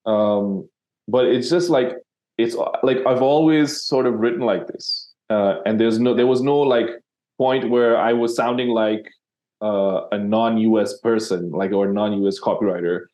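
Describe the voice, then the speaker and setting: A man's voice: lowish voice, steady tone, moderate pace, darkish tone. A man from Sri Lanka, a copywriter guest in an interview, talking casually with many fillers and restarts.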